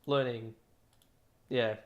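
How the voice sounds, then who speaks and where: A man's voice: mid-range voice, fairly even intonation, extremely slow, highs cut off. Chatty young man rambling on stream. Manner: rambling, chatty, laughs often, trails off. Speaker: streamer drumming for charity. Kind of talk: casual livestream chat.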